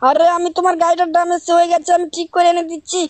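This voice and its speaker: A woman's voice: extremely high pitch, completely flat delivery, racing, no room sound. A woman voicing a clumsy, apologetic cartoon robot cat in a game role-play, pleading and chatting to viewers.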